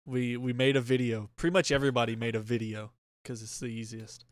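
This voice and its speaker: A young adult man with a mid-range voice co-hosts a podcast, chatting casually and telling stories from his bed at home. He's a relaxed, quick storyteller who laughs often, and the clean studio sound has no room echo.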